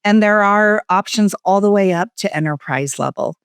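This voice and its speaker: A woman speaking as a guest expert in a conversational interview, shifting her tone, speed and pitch as she talks. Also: moderate pace, clean tone, dry recording, studio quality. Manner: varied, expressive inflection. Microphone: studio microphone.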